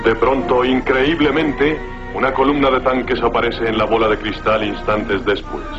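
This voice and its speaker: A man's voice: mid-range voice, steady tone, normal speed, lightly acted. A man narrating a superhero cartoon in dramatic, declamatory storytelling style. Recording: dull lo-fi soundtrack with music.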